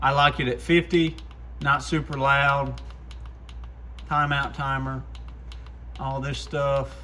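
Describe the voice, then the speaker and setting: A man gives a casual, hands-on product demo, speaking informally to viewers like a shop owner and calling them "guys." His medium-pitched voice is slow, bright and forceful yet flat in delivery, with slight background noise.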